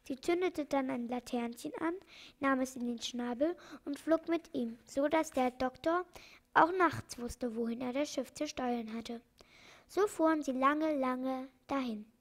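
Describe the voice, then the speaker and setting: A woman narrating a children's audiobook in a calm, clear read-aloud manner. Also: high voice, a little slow. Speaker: audiobook reader.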